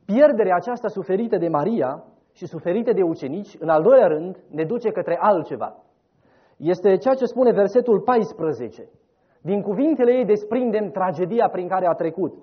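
A man preaching a sermon, telling the story dramatically, rising loud and then dropping soft. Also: high-pitched, animated, breathy edge. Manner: dramatic storytelling, voices quoted figures, rises loud then drops soft. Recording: dull lo-fi recording.

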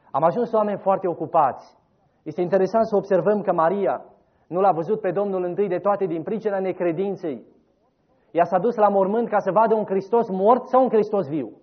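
A man preaching a sermon, telling the story dramatically, rising loud and then dropping soft. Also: high voice. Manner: dramatic storytelling, voices quoted figures, rises loud then drops soft. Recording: dull lo-fi recording.

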